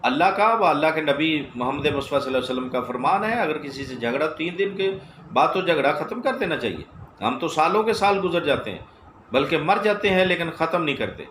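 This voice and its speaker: A man with a Pakistani Urdu accent preaches an earnest sermon, his voice sitting a little high for a man. He keeps pressing his listeners with rhetorical questions. The room is echoey, with a faint hum of ambience behind him. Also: animated, a bit bright. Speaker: spiritual teacher. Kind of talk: religious sermon.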